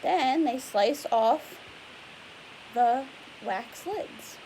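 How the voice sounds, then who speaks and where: A woman's voice: fairly high pitch, lively intonation, drawn-out words, dark tone, low-quality recording. A woman reading a picture book aloud to young children, patiently explaining it in simple words and putting questions to the listener. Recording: clear background hiss and noise.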